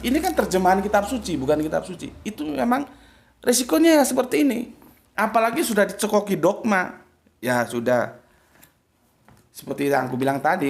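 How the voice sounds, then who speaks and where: A man giving an informal religious talk, blunt and combative, with big swings up and down in pitch. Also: slight background noise. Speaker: preacher and debater.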